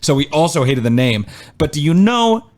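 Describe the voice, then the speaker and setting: A man's voice: on the high side, very animated, normal speed, darkish tone. A man co-hosting a history podcast, reading his research and breaking off into joking asides. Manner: chatty, with frequent "uh" and joking asides. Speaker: podcast co-host.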